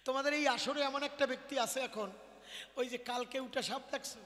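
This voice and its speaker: A hoarse man with a rural Bengali dialect, preaching at a folk devotional gathering, telling stories and swelling into drawn-out sung calls. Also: very high-pitched, steady tone, a bit bright, in a large hall. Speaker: kobigaan singer-preacher. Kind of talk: folk devotional storytelling sermon.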